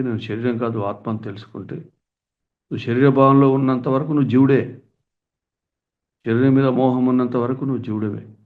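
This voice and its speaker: A man's voice: mid-range voice, phone-quality sound. Middle-aged guy preaching a spiritual talk, asks lots of questions, sounds thin like over a phone. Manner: earnest, rhetorical questions, folksy asides. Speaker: spiritual teacher. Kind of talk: spiritual discourse.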